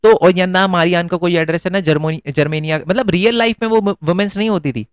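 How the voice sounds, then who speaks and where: A man talks through an exam-prep lesson in a chatty, conversational way. He keeps asking the class questions and answering them himself. His voice sits a little high for a man and comes across smooth and crisp, recorded close and dry with no room sound. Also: quick pace, no room sound. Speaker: teacher.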